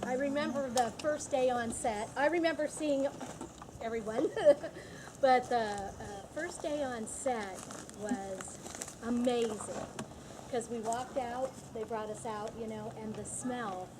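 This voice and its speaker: A fairly high-voiced woman recalls her time on set slowly and fondly, laughing between memories. Background noise runs clearly under her voice. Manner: nostalgic, laughing, slow and thoughtful. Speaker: panel guest, former film extra. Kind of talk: convention panel reminiscence.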